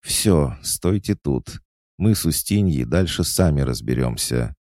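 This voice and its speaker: A man reading the part of a brisk, bossy teenage girl in an audiobook. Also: extremely low pitch, lively intonation, a little mellow, no room sound, clean studio sound, voice pushed up.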